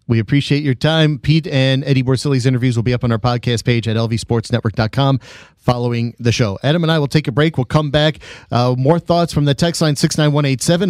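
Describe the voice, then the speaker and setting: A man's voice: medium pitch, a little mellow, no echo, studio quality. A man hosting a live sports radio show, moving through announcements and talk to listeners.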